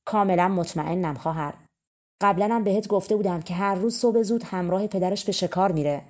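A woman's voice: medium pitch, a little mellow, lightly acted. A woman reading a fairy tale and voicing a worried queen stepmother who speaks urgently. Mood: calm.

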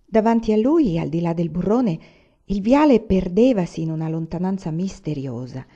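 A woman narrating a classic novel in a measured, expressive audiobook reading. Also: on the low side, husky, muffled recording. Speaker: audiobook reader.

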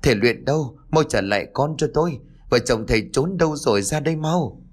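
A man voicing a frantic, grieving village mother who wails and pleads in a raised, quick voice. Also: lively intonation, natural voice. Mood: wailing. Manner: wailing, shrill pleading.

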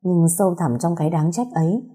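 Dark, low-voiced woman narrator. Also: a little fast, slightly rough. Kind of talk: scripted first-person story narration.

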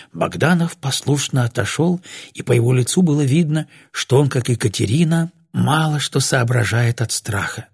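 Gravelly male audiobook narrator. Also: medium pitch, a little mellow, no echo, clean studio sound. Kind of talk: scripted narration.

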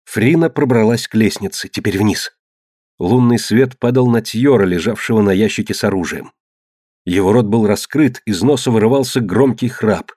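A man's voice: on the low side, mellow, slightly rough, no room sound, clean studio sound. Man narrating an adventure audiobook.

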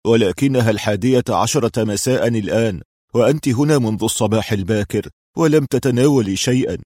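A man's voice: mid-range voice, normal speed, dark tone, no echo, studio quality, natural voice. A man doing a worried, tender older man. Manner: tender, sympathetic.

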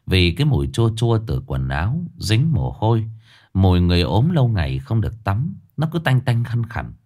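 A male storyteller reads a ghost story with dramatic, expressive delivery. His voice sits fairly low yet moves up and down with lively swings. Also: moderate pace.

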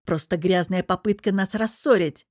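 A woman's voice: fairly low pitch, normal speed, no room sound, clean studio sound, close to an everyday voice. A woman voicing an angry, domineering businessman husband who growls and presses hard. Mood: stern. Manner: growling, forceful.

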